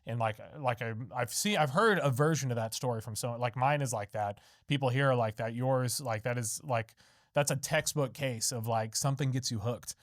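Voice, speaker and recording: Male podcast host, mid-pitched, rambling and relaxed, dry close sound. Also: normal speed, no echo. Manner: rambling, frequent "mm-hmm" backchannel. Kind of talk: casual interview chat.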